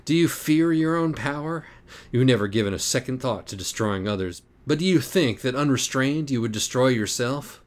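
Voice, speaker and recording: A man's voice: medium pitch, expressive, normal speed, voice pushed up, close to an everyday voice. A man voicing a smug, mocking male cat in an audiobook. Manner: mocking, probing.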